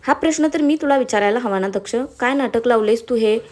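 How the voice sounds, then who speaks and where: A proud young wife in an audio story who answers back with cutting defiance, as a woman narrator voices her. Her voice sits somewhat high. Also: a little fast, a little mellow, close to an everyday voice. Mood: furious. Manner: angry, cutting.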